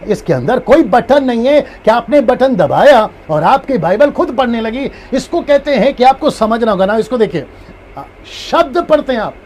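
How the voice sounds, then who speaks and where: A man's voice: extremely high pitch, sing-song, moderate pace, a little mellow, a little hiss or hum. A man preaching as a pastor in a live-streamed Bible teaching, who repeats his key points and acts out different tones of a phrase.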